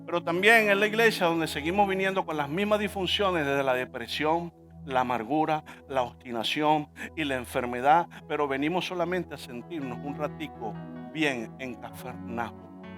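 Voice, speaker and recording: A man's voice: on the high side, normal speed, a bit bright, faint music behind. A male pastor preaching a sermon in church, emphatic, often asking the congregation to repeat words after him.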